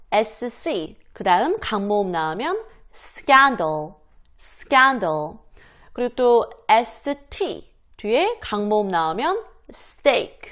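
A woman teaching English pronunciation to camera, demonstrating words slowly and repeating them, asking and answering her own questions. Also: on the high side. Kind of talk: explaining lesson to camera.

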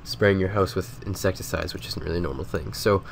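Low-voiced stuffy-nosed man chatting. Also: brisk, gravelly, a little hiss or hum. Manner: rambling, relaxed, lots of filler words. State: sick with a stuffy nose. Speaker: gaming video host. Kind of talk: casual game commentary voice-over.

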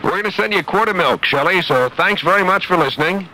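Man as polite prize-caller, prank phone bit, chipper, coaxing, bright. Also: high voice, lively intonation, quick pace, slight background noise, voice pushed up, poor audio.

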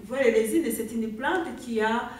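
A woman's voice: fairly high pitch, moderate pace. A woman from Rwanda with a Rwandan accent, an author talking hesitantly at a book presentation and often searching for words. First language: Kinyarwanda. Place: bookshop event room. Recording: very echoey room, voice far from mic.

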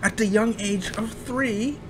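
A man's voice: high-pitched, slow pace. A Canadian man from Ottawa giving blunt, rambling casual commentary over a screen recording, repeating himself and swearing now and then. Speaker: online marketing reviewer. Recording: audible background noise.

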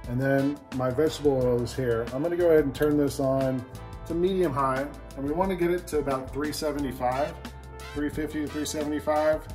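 A man in his thirties hosting a home cooking show, explaining each step in a relaxed way as he cooks in his kitchen. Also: mid-range voice, rough recording. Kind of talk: casual cooking demonstration. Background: background music.

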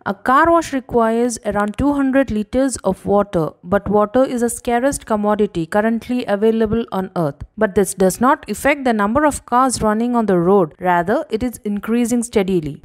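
A woman with a fairly high voice reads a business promotion as a voice-over. Her delivery is steady and measured, moving evenly through long lists of services and equipment. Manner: steady, measured reading of a list-heavy script. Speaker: promotional narrator. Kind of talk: scripted voice-over narration.

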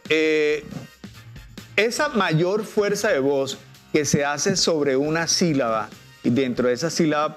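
A man with a Colombian Spanish accent, a teacher guest explaining in a patient, didactic way and drawing out example words. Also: fairly high pitch. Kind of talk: explanatory TV interview.

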